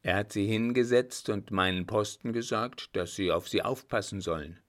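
A man playing a gruff old field marshal. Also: on the low side, moderate pace, natural voice. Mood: gruff, bantering. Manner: loud, brusque, bantering.

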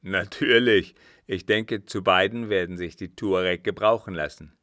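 Male reader doing a cold, plotting ex-officer, low and forceful, close dry audiobook read. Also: moderate pace, dry recording. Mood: scheming. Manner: louder and more forceful than narration. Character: scheming former guard captain, cold, calculating. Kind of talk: audiobook reading.

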